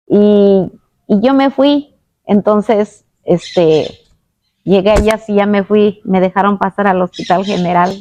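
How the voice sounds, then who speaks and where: A woman telling a personal faith testimony, earnest and halting, with many restarts. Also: mid-range voice, warm tone, muffled recording. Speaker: guest giving a testimony.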